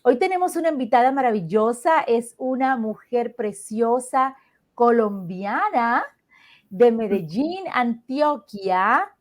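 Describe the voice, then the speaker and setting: A woman's voice: on the high side, expressive, slow pace. A woman hosting a podcast interview, effusive and repeating her words for emphasis. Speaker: podcast host and advocate for abuse survivors.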